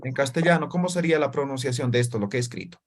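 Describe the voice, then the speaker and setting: A man's voice: mid-range voice, animated, very fast, background noise. A man teaching an online language class, drilling students through repeated syllables and often tagging his sentences with short questions. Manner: frequent tag questions.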